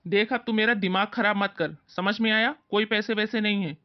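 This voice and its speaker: A woman voicing a stubborn young husband who talks gruffly and dismissively in a cartoon story. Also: medium pitch, fairly quick, natural voice. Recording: dull lo-fi sound.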